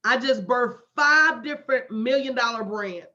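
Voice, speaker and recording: Speaking unhurriedly in a fairly high, pushed, bright voice, a woman in her late forties runs a livestream as a motivational business coach. Her coaching leans on emphatic, preacher-like repetition and folksy, direct address to the online crowd. Audio quality is dull and lo-fi.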